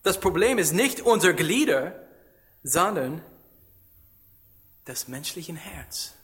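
Slow, bright-voiced male preacher. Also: a little high, big pitch swings. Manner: emphatic, rhetorical questions, non-native German with grammar slips. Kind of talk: sermon.

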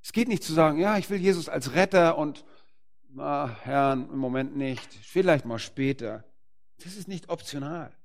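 A man preaching a sermon with emphatic delivery, slowing down and rising to forceful peaks to stress key words. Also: a little high.

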